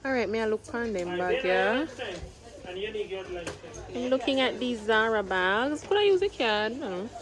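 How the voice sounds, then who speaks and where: Speaking at a measured pace with frequent pauses, this Trinidadian vlogger and single mother sounds a little high and animated. She chats to her phone camera in an adopted Jamaican patois blended with standard English, moving from home to a car to a shopping trip, with a crowd audible behind her.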